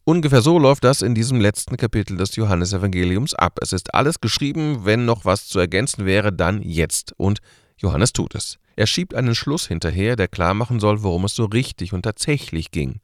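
Deep-voiced man leading a radio service. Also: animated, fairly quick, dry recording, clean studio sound. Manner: conversational, rhetorical questions. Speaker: radio church service host. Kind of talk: radio sermon.

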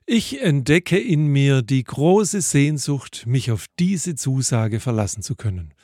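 A man giving a thoughtful devotional reflection, speaking in a measured way. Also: medium pitch, animated, darkish tone, no echo, clean studio sound. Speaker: preacher.

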